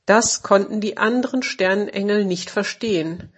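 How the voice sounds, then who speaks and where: A woman narrating a children's story in a gentle, measured storybook reading. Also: mid-range voice, breathy edge.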